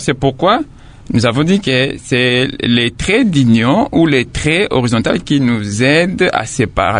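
A man teaching a lesson, patiently repeating and sounding out syllables one by one. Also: mid-range voice. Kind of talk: classroom lesson explanation.

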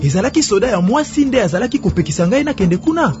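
A man's voice: high-pitched, big pitch swings, quick pace. An actor playing a determined young gardener who narrates his own adventure in a radio drama. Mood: determined narration. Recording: dull lo-fi radio broadcast. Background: loud music.

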